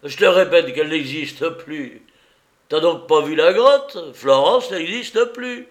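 A man's voice: fairly high pitch, animated, slow, voice pushed up. A man voicing a vicious crippled bandit who taunts with strident, cackling glee. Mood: shaken. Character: gloating crippled male bandit, vicious and shrill.

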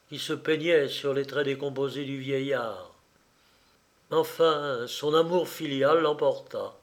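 A man narrating a novel as an audiobook, in a measured, dramatic reading. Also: fairly high pitch.

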